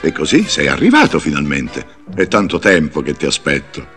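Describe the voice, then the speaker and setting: A wise old wizard with a low, rumbling voice. He tells his storybook tale with big, swooping pitch and theatrical flair. Faint music plays softly behind him. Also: wildly swooping pitch, normal speed, slightly rough, full character voice. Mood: kindly. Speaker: storybook narrator in character. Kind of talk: read-along storybook narration.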